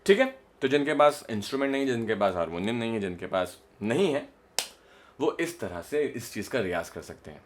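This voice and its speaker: A young male voice coach gives a relaxed spoken lesson on voice modulation, patiently explaining each exercise and demonstrating it himself. His medium-pitched voice has a sing-song quality with a slight hiss or hum. He speaks slowly and explanatorily, repeating a line on rising notes.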